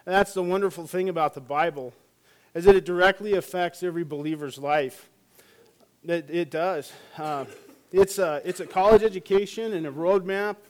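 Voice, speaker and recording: Speaking at a moderate pace in a high voice, a middle-aged man who works as a hospice chaplain preaches a sermon, joking and telling stories with many fillers.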